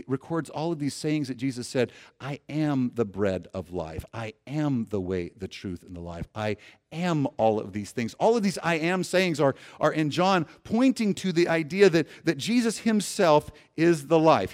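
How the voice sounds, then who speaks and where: A man preaching a sermon, earnestly leading his congregation and often restarting his phrases, swinging from loud emphasis to soft low endings. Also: animated, moderate pace. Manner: earnest preaching, asks congregation to repeat lines aloud; frequent restarts and repeated words. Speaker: pastor.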